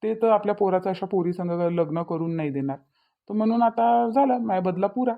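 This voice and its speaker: A woman's voice: mid-range voice, a little fast, narrow, tinny audio, close to an everyday voice. Woman doing a smug, spiteful young man. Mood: gloating. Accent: Vidarbha Marathi. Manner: taunting, smug. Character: spiteful young man, gloating over his revenge.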